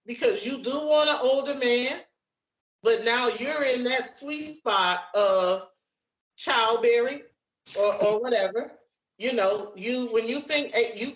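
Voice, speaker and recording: The echoey, lo-fi room recording catches a woman in her forties co-hosting a laid-back podcast discussion. She speaks frankly and casually, repeating words as she thinks, in a fairly high, fairly bright voice.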